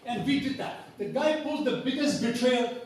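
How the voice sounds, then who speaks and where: A man's voice: very high-pitched, moderate pace. A middle-aged man with a Kashmiri accent, making an insistent, confrontational challenge from the floor at a public talk, repeating his phrases. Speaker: audience questioner. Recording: very echoey hall, distant mic, crowd noise.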